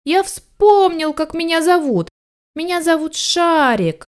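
A woman voicing a small, timid, earnest male puppy in a high, plaintive voice for a storybook reading. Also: very animated, a little slow. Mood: excited.

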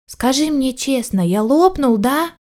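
A woman voicing a small, timid, earnest male puppy in a high, plaintive voice for a storybook reading. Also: lively intonation, unhurried, a little mellow. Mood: worried.

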